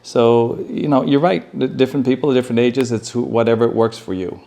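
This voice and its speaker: A man in his fifties from Canada, a retired client chatting in a relaxed, talkative way in an interview. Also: mid-range voice, brisk, creaky. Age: 50s. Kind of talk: casual interview chat.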